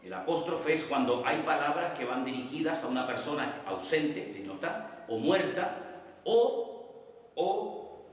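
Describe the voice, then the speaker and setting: A man from teaching a Bible study class as pastor, speaking slowly and repeating key terms so his students can note them down. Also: on the high side, lively intonation. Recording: echoey hall, voice from far off the mic.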